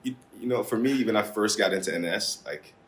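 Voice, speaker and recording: A man's voice: on the low side, brisk, slight background noise. A young man with an American accent, chatting casually as a guest at a dining table at home. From Singapore and the US. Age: young adult. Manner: relaxed storytelling, laughs often. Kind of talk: casual chat.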